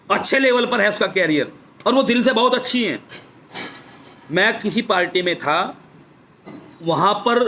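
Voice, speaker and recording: A man's voice: high-pitched, a bit bright, a little hiss or hum. A man giving an impassioned address to viewers on a live stream, repeating his key phrases for emphasis. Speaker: political speaker on a social media live stream.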